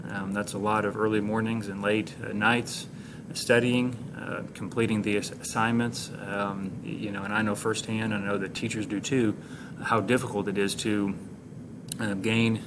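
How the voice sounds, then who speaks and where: An American man speaking as a high school administrator, giving students informal, encouraging announcements like an orientation leader, with plain, halting phrasing. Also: level tone, background noise.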